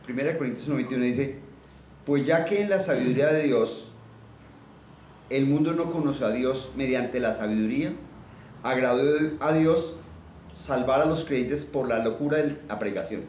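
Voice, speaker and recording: A man's voice: mid-range voice, moderate pace, darkish tone. A man giving a teaching sermon who reads scripture aloud, quizzes his listeners and has them repeat lines after him. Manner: quizzes listeners and leads call-and-response repetition; reads scripture aloud, then explains it plainly. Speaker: preacher. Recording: roomy echo, voice from a distance, faint background noise.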